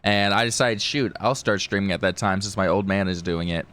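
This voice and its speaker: A man's voice: sits low, a little fast, a bit bright, clean tone. A man hosting a podcast as a streamer, chatting casually in a rambling way peppered with "like". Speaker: podcast host and VTuber streamer. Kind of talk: casual chat.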